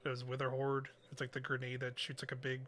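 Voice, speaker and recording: Young male game streamer, casual and rambling, evenly pitched but bright-toned, some background noise. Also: completely flat delivery, fast. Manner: hesitant, rambling, slangy. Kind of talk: casual chat while gaming.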